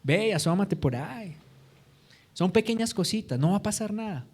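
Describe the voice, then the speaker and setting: A preacher voicing Satan as a male tempter spirit, speaking softly and coaxingly to make wrongdoing sound harmless. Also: sits high, animated, moderate pace.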